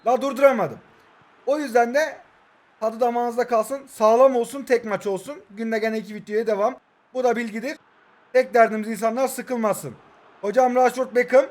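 Excitable young man commentating his game. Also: extremely high pitch, normal speed. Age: 20s. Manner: excitable, shouts at players, mutters asides. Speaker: mobile football gamer. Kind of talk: live gameplay commentary.

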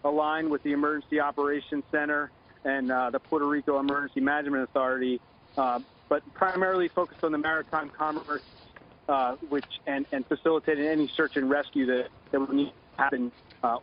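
A middle-aged man giving a halting official briefing in a live news interview over the phone. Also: a little high, fairly even intonation. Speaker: Coast Guard commander, phone interviewee. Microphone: phone line. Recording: dull lo-fi phone line.

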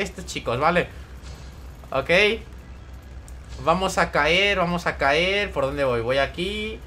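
A young gaming streamer keeps up a loose, friendly patter during a live game stream, greeting viewers by name and reading their chat aloud as he plays. His voice is high, bright, light and forward.

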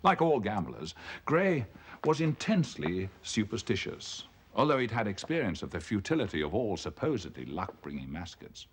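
A man telling a ghost story in a measured, brooding delivery. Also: lowish voice, very animated, breathy edge. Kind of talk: dramatic ghost story reading.

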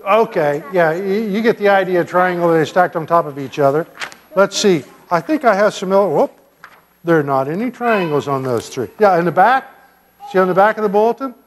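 An older man, a pastor giving a children's sermon in a church sanctuary, gently and playfully asking the kids questions. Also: sits high, lively intonation, normal speed, a little hiss or hum. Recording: long church reverb.

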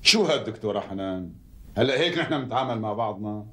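An actor playing a jovial, effusive middle-aged lawyer who speaks with a Syrian Arabic accent in a TV sitcom. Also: male voice, lowish voice, expressive, racing, a bit bright, slight background noise. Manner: effusive, teasing. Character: jovial middle-aged male lawyer, warm family friend. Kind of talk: TV sitcom acting.

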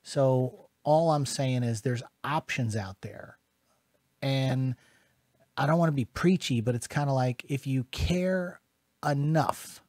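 A man in his forties with an American accent speaks casually and emphatically to camera, an earnest, conversational YouTube vlog host. His mid-range voice has a darkish tone with no echo, picked up close by a boom-arm studio mic in a small, dim home studio.

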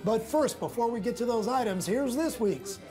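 A man's voice: very high voice, animated, moderate pace. Young guy tv reporter out on location, upbeat, pushy w questions, music under it. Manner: upbeat, confronting. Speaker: restaurant reporter. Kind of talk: TV news field report. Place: outdoors on location and in a restaurant.

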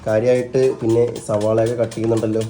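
Guy rambling to the camera in his family vlog, talks fast, teases his mom. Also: on the low side, little pitch movement, dark tone, soft background music. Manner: chatty, rambling, addresses viewers directly; teasing with family. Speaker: vlogger. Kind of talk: casual vlog narration to viewers.

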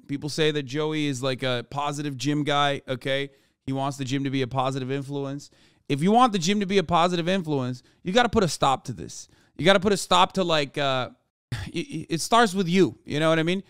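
A man's voice: on the high side, a bit bright, clear, resonant tone, dry recording. A man in his thirties, a streamer, ranting with exasperation and lots of swearing in live commentary, recorded in his home streaming room on a studio mic. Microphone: studio mic on boom arm.

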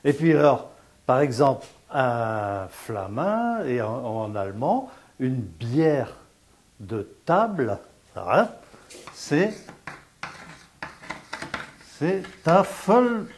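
A man gives a televised dialect lesson at an unhurried, deliberate pace. He explains each word patiently, repeats it, and asks and answers his own questions in a didactic way. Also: mid-range voice, big pitch swings, darkish tone, slight background noise. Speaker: dialect teacher.

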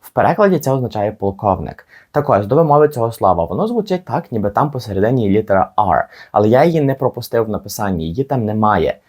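A young man teaching English pronunciation, patiently repeating each word slowly for learners. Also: on the low side, very animated, a little mellow, slightly rough. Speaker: English teacher on his channel.

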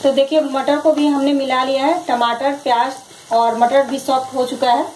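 A woman hosting her own cooking channel, calmly walking through a recipe step by step in her home kitchen. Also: high-pitched, moderate pace, noisy background. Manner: calm, instructive, repeats each step. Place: home kitchen, over frying sounds.

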